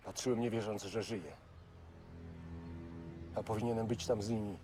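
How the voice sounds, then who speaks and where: A guilt-ridden Polish army major in a film drama , acted by a man. His voice is low and weary, with a grave, restrained delivery. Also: fairly even intonation, moderate pace, music in the background, close to an everyday voice. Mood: anguished.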